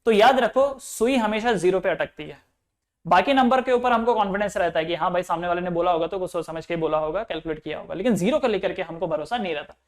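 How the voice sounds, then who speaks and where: A man's voice: high-pitched, fast talker. A young man teaching physics in Hindi with English terms mixed in, explaining step by step and asking his students questions. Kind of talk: classroom lecture.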